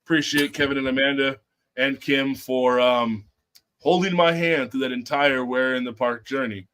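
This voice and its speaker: A man talks casually on a panel, telling stories as if to friends. His voice sits at an average pitch. His wording is slangy and informal, with an enthusiastic manner. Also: fairly even intonation, moderate pace, a bit bright. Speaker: show panelist. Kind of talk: casual chat, anecdotes.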